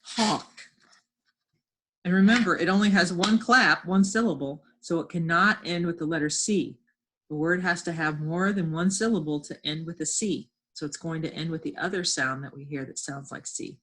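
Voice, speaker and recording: A woman's voice: lowish voice, moderate pace, fairly bright tone. A woman teacher giving a lesson from home, patiently sounding out words and encouraging her class.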